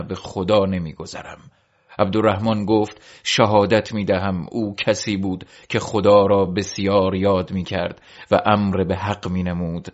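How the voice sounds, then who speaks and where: Male narrator, very low voice, solemn measured historical reading, dull lo-fi sound. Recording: dull lo-fi recording.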